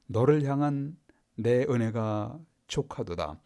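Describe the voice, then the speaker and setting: God speaks as a calm, fatherly presence, gently telling a suffering man to bear his burden. A man puts the voice on in a sermon, keeping his own natural tone. The words come slowly and reassuringly, with a lively rise and fall. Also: medium pitch.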